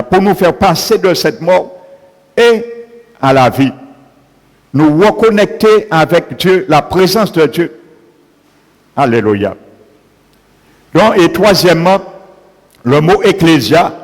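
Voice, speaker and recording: Slow-preaching man in a reverberant hall. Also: on the high side. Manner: preaching, repeated "alléluia" between points. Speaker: pastor. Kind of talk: sermon.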